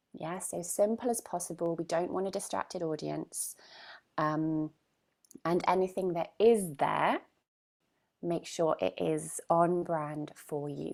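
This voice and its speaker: A woman's voice: lowish voice, gravelly, darkish tone. A woman coaching a group in a live online session, speaking emphatically and often checking in with "right?". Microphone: video call.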